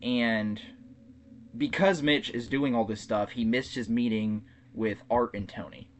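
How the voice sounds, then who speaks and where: A man's voice: medium pitch, a little slow, slight background noise. A man co-hosting a podcast, casually recapping a movie plot with lots of fillers and restarts. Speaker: podcast co-host.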